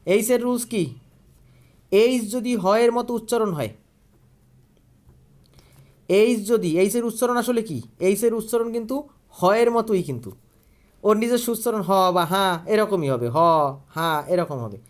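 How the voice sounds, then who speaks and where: High-voiced man teaching grammar. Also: normal speed, pauses often. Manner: asks questions and answers them himself, repeating key words. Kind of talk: online grammar lesson.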